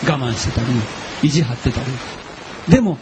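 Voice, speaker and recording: Lively, animated male pastor preaching. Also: medium pitch, fairly quick, noisy background. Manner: chatty and animated, asks the audience questions. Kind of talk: sermon with personal stories.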